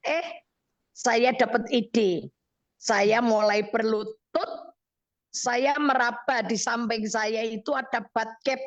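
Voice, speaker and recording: Lively Javanese-accented woman telling a testimony. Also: a little high, slow pace, no echo, dull audio. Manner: animated storytelling, acts out her own quoted words. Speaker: evangelist counselor. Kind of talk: radio counseling testimony. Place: radio studio.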